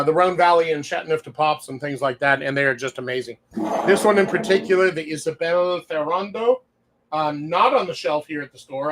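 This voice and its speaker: Chatty man with a higher voice. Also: a bit bright. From Louisiana, USA. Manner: chatty, rambling storyteller who often chuckles; talks with his mouth full while eating. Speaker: wine shop owner and show host. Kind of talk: casual wine-tasting chat.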